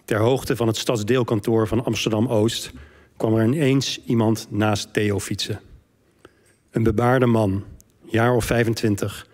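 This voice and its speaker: A man, an author, reading a passage from his biography aloud on stage in a debate hall, in a measured, calm storytelling manner. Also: medium pitch.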